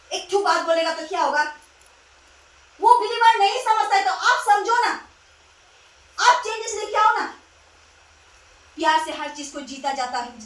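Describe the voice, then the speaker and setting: A woman's voice: extremely high pitch, fairly bright tone. A woman preaching a sermon, urging listeners with rhetorical questions and repeated phrases. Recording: echoey room from a distance.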